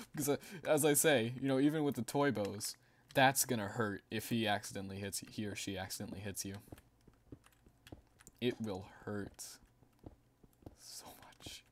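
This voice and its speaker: A male streamer with a lowish voice rambles loosely while playing, chatting with viewers and breaking into laughter now and then. There is faint noise behind him, with soft keyboard typing. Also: steady tone, normal speed. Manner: rambling, chatty, laughs often and reads out chat. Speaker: livestreamer. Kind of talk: casual gaming stream chat.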